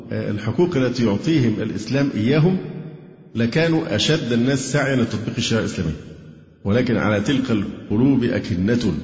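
Fast-talking Egyptian man lecturing. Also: mid-range voice, a little mellow. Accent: Egyptian Arabic. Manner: explanatory, asks rhetorical questions and answers them. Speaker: Islamic lecturer. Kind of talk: religious lecture. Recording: echoey hall, dull lo-fi sound.

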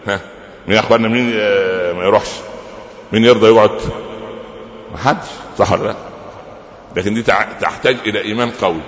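A man's voice: fairly low pitch, quick pace, long pauses. A man with an Egyptian Arabic accent giving a sermon, telling stories with rhetorical questions and humorous asides. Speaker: preacher. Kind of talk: sermon lecture. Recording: echoey hall, lo-fi with faint noise.

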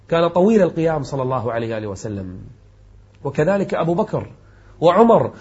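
A male preacher giving an emphatic sermon, dropping to soft low tones and rising to raised exclamations, and slowly chanting verses and poetry. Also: husky. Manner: chants verses in a slow melodic recitation. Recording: dull lo-fi recording.

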